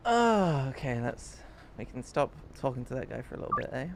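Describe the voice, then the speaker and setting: A man's voice: mid-range voice, very animated, brisk, creaky, a little hiss or hum. A male streamer chatting casually on a live stream. He talks bluntly and swears when annoyed.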